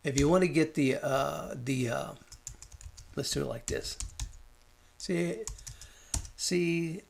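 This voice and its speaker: A man with a slightly high, gravelly voice walks through a design tutorial as he works. He thinks aloud and mutters at the software when it stalls. Keyboard and mouse clicks sound behind him. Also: takes it slowly. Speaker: design instructor. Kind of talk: screen-recorded software tutorial.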